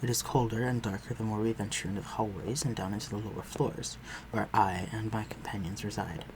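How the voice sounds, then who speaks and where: A man playing a refined, protective vampire lord in an intimate audio roleplay, speaking formally and with measured command. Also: fairly low pitch, fairly even intonation, noisy background, close to an everyday voice. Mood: calm, guiding. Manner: formal, measured, archaic phrasing, dropping to breathy murmurs.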